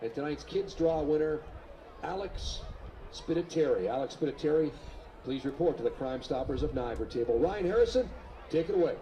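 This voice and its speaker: A man's voice: a little high, animated, dull audio, slight background noise. A man making formal announcements at a baseball park, heard through the stadium public address system. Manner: formal, measured announcer delivery. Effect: heard over a stadium PA system. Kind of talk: ballpark PA announcements. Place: outdoor ballpark. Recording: echoing stadium loudspeaker outdoors.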